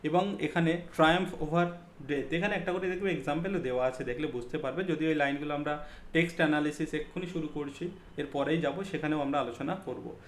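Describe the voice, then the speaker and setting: A man's voice: fairly high pitch, quick pace, a little hiss or hum. A man teaching an exam-focused poetry lesson, explaining step by step, mixing in English terms and checking that students follow. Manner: mixes English terms into speech, frequent fillers. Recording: echoey room.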